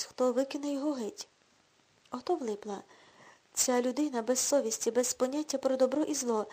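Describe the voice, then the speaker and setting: A woman narrates an audiobook with wry irony. Her voice sits high and has a breathy, husky edge. The reading is steady storytelling.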